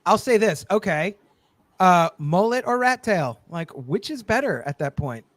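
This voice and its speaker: A man's voice: sits high, sing-song, measured pace, fairly bright tone, dry recording. A man co-hosting a casual podcast chat about a TV show, riffing jokes and theories. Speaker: podcast co-host.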